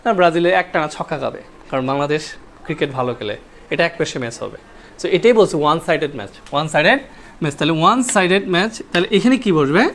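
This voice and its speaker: A man's voice: a little high, very animated, fairly quick, fairly bright tone, slight background noise. A man teaching English grammar at a whiteboard, repeating key points and quizzing his students with rhetorical questions.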